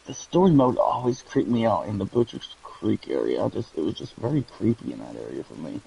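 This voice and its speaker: A man from Tennessee, chatting casually as an interview guest, laid-back and quick to chuckle. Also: on the low side, very animated, vocal fry, mellow, slightly rough. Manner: laid-back, chuckles often, repeats phrases. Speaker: guest gamer. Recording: dull lo-fi voice chat audio.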